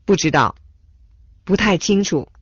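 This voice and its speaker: A woman reading phrase translations aloud in a language lesson, in a measured, clearly enunciated way. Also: lowish voice, animated, dry recording. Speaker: phrase reader. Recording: dull lo-fi dry sound.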